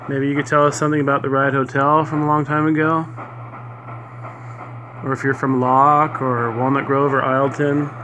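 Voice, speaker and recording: A man's voice: medium pitch, flat delivery, normal speed, lo-fi sound. A man casually putting short, polite questions to unseen spirits, as the host of a ghost hunt. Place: hotel room. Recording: noisy amateur recording with static hiss.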